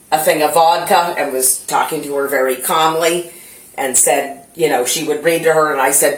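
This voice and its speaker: A woman's voice: low voice, reverberant, poor audio. A middle-aged mother giving police a rambling, anxious account inside her home, full of restarts. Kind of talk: tense spoken account to police.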